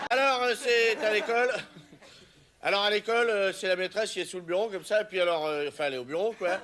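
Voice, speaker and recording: A man's voice: sits high, fairly bright tone. A man with a French accent telling a string of bawdy jokes on stage, rambling and acting out the characters' lines. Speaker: comedian. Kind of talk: stand-up joke telling.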